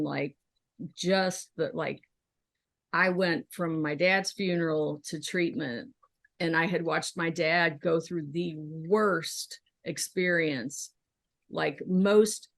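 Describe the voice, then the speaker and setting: An American woman speaks as an interview guest in a fairly low register with heavy vocal fry. She tells her story casually and haltingly, working out her thoughts as she goes. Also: no echo. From Kentucky, United States. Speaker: podcast guest, documentary filmmaker.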